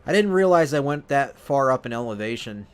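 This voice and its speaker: Man, let's play commentary, casual, halting, self-correcting. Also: medium pitch, animated, clear, resonant tone. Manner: rambling, self-correcting, thinking aloud.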